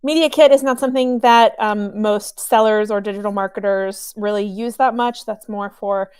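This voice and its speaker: A woman hosting a live software training webinar, chatty and upbeat, with a cough drop in her mouth. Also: medium pitch, steady tone, moderate pace, clear, resonant tone, no room sound. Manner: chatty, upbeat, friendly with filler ums.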